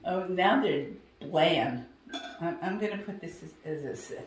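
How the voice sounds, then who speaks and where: A woman's voice: fairly low pitch, animated, a little slow. An older woman giving frank, blunt opinions while tasting snacks. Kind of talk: casual chat. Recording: echoey room, mic off at a distance, faint noise.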